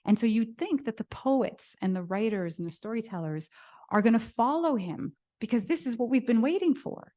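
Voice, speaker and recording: A woman giving a lecture, telling an ancient story in an animated, dramatic way. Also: on the high side, normal speed. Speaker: guest lecturer.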